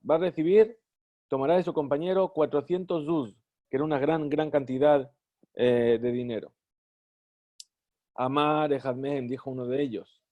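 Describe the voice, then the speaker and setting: A man teaching a class, reading phrases of a text slowly and translating each one. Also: a little high. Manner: reads Hebrew phrases slowly, then translates. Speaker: Talmud teacher. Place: study hall. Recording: dull lo-fi recording.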